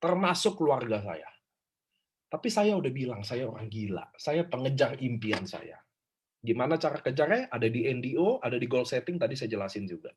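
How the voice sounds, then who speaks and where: A man's voice: mid-range voice, big pitch swings, brisk, darkish tone, a little hiss or hum. A man giving an informal, emphatic motivational talk over a video call. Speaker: motivational speaker. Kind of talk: online motivational workshop talk.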